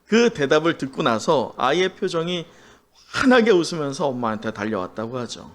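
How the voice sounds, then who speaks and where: Lively high-voiced male pastor preaching. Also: fairly quick. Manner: asks the congregation questions and has them repeat phrases; animated storytelling delivery. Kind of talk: sermon.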